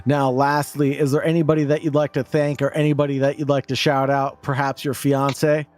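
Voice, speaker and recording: A man's voice: medium pitch, little pitch movement, a little fast, darkish tone. A man co-hosting a race broadcast, friendly and chatty as he wraps up an interview. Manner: friendly, laughs often. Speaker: broadcast co-host.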